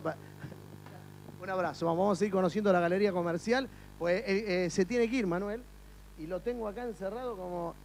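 A high-voiced male comic TV host, speaking briskly into a handheld microphone, jokes and teases with mock outrage during comic street interviews. The setting moves between an indoor studio and shops, with slight background noise.

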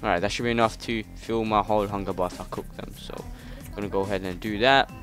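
A man's voice: on the low side, fairly even intonation, fast talker, a bit bright, soft background music. A British man hosting a gaming channel, chatting casually through gameplay with friends and yelping when startled.

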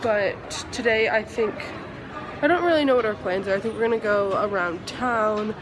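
A woman's voice: mid-range voice, moderate pace. A woman vlogging casually on a handheld camera, rambling and joking at herself as she walks through public places. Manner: rambling, jokey, self-mocking. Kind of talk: casual vlog chat. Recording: busy crowd and street noise.

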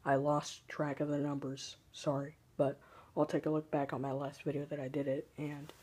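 Filming on a handheld phone by his bedroom window at home in Texas, this young weather radio vlogger rambles hesitantly and casually. His youthful, husky voice runs on the high side, a little mellow, monotone, and at a moderate pace.

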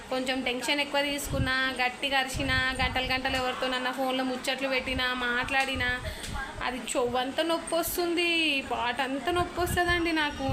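Home vlogger: a woman, high and chatty, addressing viewers directly, recorded on a phone with loud household noise. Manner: chatty, talks straight to viewers. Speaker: family vlogger. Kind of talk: casual home cooking vlog. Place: home kitchen.

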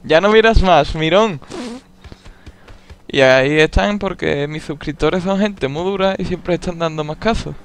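A man's voice: on the high side, measured pace, slight background noise. A young man with an Andalusian Spanish accent, joking through casual gameplay commentary in a laid-back, drawling way. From Andalusia, Spain. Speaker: gaming YouTuber.

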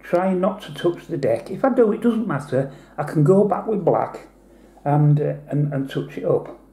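A man's voice: a little high, expressive, normal speed, dark tone, roomy sound. A man giving a chatty, rambling hobby tutorial, explaining each step as he goes. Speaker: model painter. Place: indoor hobby desk.

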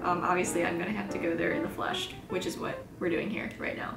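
A woman's voice: on the low side, little pitch movement, fast, over music, poor audio. A woman with a Midwestern accent, congested, chatting casually in a travel vlog and rambling with lots of fillers while filming herself on a phone. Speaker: travel vlogger. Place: car and around town.

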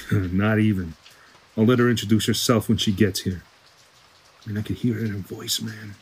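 In an audio drama, a man with a fairly low, steady, breathy voice plays a shady fixer who runs a store. Speaking at a moderate pace, he is wry, confiding, wheedling and streetwise, stammering and swearing through his slang.

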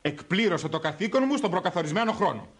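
A man's voice: sits high, lively intonation. An actor playing a cynical male engineer in a radio drama, condescending and dismissive.

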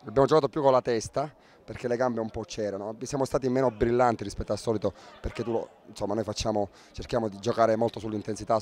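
A man in his thirties gives a post-match interview as a football coach. His voice is fairly low, picked up outdoors on a handheld mic. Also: a little mellow. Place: outdoors by a fence at a football ground. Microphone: handheld interview microphone.

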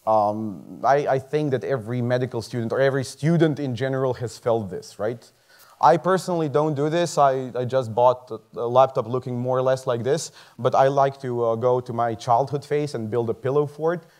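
On a large theater stage, a male medical student in his 30s delivers a motivational talk, earnest and chuckling often as he restarts words. He's from Croatia, speaks Croatian natively, and has a medium-pitched, darkish voice at a normal speed.

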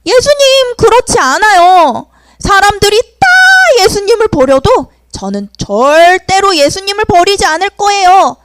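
An impulsive young fisherman pleads in loud, high exclamations, as a woman puts him on for children. The voice sits very high and swings widely, and the sound is dry and close. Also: expressive, unhurried, no room sound. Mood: insistent.

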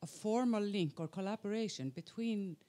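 A woman's voice: medium pitch, normal speed, warm tone. A woman from Iceland in the audience, asking an earnest, rambling question. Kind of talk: question from the floor.

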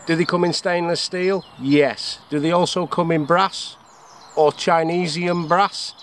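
Speaking a little slowly with fairly even intonation, this middle-aged Englishman has a highish, fairly bright voice. He demonstrates his bushcraft kit at a woodland camp in a jokey, casual way, posing questions to himself before answering. An action camera on his chest or a tripod records him amid birdsong and faint outdoor sounds.

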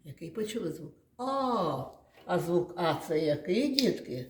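A woman with a Ukrainian accent teaching small children in a classroom. She talks in a patient, drawn-out, sing-song way and answers her own questions. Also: lowish voice, expressive. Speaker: kindergarten teacher. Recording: echoey room.

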